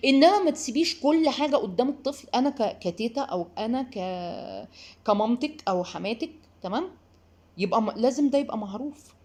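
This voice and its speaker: Fast-talking Egyptian woman giving advice. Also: fairly high pitch. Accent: Egyptian Arabic. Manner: animated, addresses the listener directly, acts out quotes. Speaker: parenting advisor. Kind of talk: advice talk to mothers.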